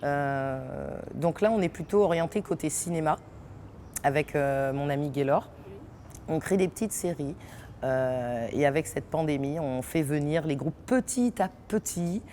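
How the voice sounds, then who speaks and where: Low-voiced woman, lively and hesitant. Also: unhurried, a little hiss or hum. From French Guiana. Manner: lively, laughs often, many hesitations. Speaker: actress and theatre company owner. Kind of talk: interview answers. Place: unfinished theatre hall.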